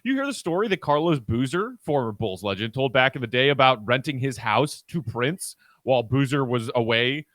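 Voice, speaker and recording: A man's voice: mid-range voice, expressive, normal speed, hardly any pauses, a bit bright, no room sound, clean studio sound. A man hosting a podcast in loose, casual chat. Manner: loose, conversational, retelling stories. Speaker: podcast host.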